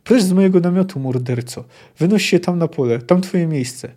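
A man's voice: a little high, normal speed, mellow, breathy edge. A man reading as a defiant halfling surgeon. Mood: furious. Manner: shaky yet firm. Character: frightened but defiant male halfling surgeon.

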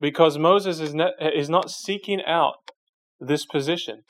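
Man preaching a relaxed Bible teaching. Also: on the high side, unhurried. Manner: reads scripture aloud, then explains it in plain conversational terms; frequent restarts while searching for verses.

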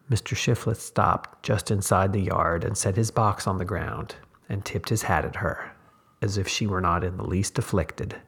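Male podcast host narrating a story, very low and gravelly, measured pace. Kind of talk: audiobook reading.

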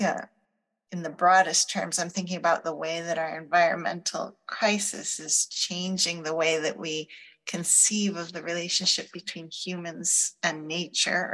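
Thoughtful lower-voiced woman professor. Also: bright, forceful tone, low-quality recording. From Chile. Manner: thoughtful, measured, pauses to find words. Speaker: law professor, guest. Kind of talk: conversational interview answers.

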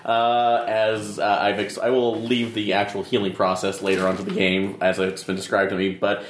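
A man playing a tabletop game, describing things casually in a halting, dryly jokey way. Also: on the low side, little pitch movement, slight background noise. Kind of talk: casual character introduction. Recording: roomy echo.

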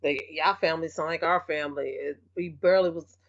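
A man's voice: fairly high pitch, fairly even intonation, a little fast, vocal fry, a bit bright, lo-fi sound. A man in his forties hosting a podcast, asking questions in a casual, affirming way. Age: 40s. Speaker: podcast host.

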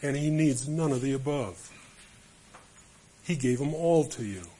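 A man's voice: mid-range voice, expressive, a little slow, mellow, slight background noise. A man preaching a sermon to a group of men, emphatic and storytelling. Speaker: speaker to men.

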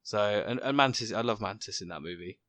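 A man's voice: fairly low pitch, fast, fairly bright tone, no echo. A British man chatting casually as a podcast co-host, hesitant, with many ums and restarts. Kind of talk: casual chat about comics.

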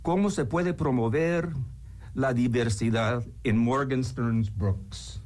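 A man's voice: medium pitch, slow pace, a little mellow. A man hosting an informal radio interview in Spanish, rambling and often breaking off to search for words. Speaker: radio show host. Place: radio booth.

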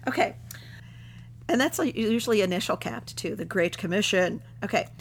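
A woman co-hosting a religious podcast as ordained clergy, talking in a chatty, expressive way with jokey asides. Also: mid-range voice, moderate pace, slight background noise. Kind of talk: casual religious podcast chat.

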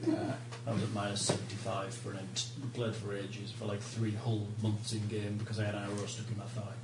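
A man's voice: lowish voice, completely flat delivery, fast talker. A man acting as game master, narrating a tabletop game casually with crude, joking banter. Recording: echoey noisy room, distant mic.

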